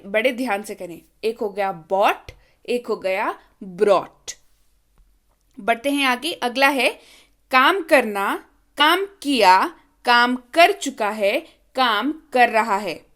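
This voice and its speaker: A woman teaching an English lesson, reciting verb forms in a steady chant and patiently explaining pronunciation. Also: sits high. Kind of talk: slow, drilled vocabulary lesson.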